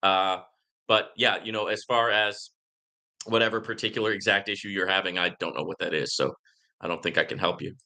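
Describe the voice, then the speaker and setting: A man hosts a casual live Q and A, answering viewer comments on his livestream in an outspoken, emphatic way and repeatedly seeking agreement with "right?". His deep voice is creaky and bright with a forceful tone. He speaks a little fast with fairly even intonation.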